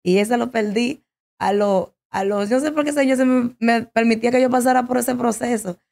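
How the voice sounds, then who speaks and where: Emotional woman giving a halting testimony. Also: a little high, fairly even intonation, vocal fry, darkish tone. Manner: halting, emotional, with many restarts. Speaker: guest sharing a testimony.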